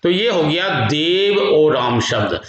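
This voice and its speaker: A man from India teaches a grammar lesson, reciting word forms in a slow singsong drill with a slightly high voice. The sound carries heavy room echo and is muffled and lo-fi. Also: very animated, a bit bright, slight background noise. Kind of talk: classroom lecture with recitation. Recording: echoey room, dull lo-fi sound.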